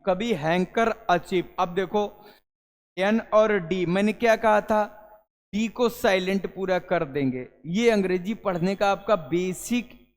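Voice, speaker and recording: Man, fairly high voice, classroom teacher quizzing students, long hall reverb. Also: unhurried. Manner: addresses students as "beta", asks and answers his own questions. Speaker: English teacher.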